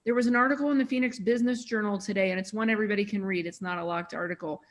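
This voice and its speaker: A chatty woman runs a casual video call meeting. She rambles a little and restarts her sentences. Her voice sits at a middle pitch. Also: rapid-fire. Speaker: meeting host.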